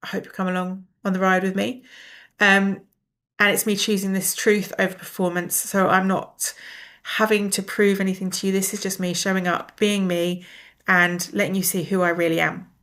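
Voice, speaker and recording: A middle-aged woman with a blocked, nasal voice, sounding unwell and tired as she talks casually and reflectively to viewers with soft, low energy. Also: level tone, normal speed. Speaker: personal development coach and video host.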